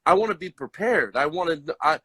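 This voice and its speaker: A man's voice: on the high side, lively intonation, brisk, bright, forceful tone, husky. A man guesting on a casual comedy stream, talking in a playful, joking, mock-vain way.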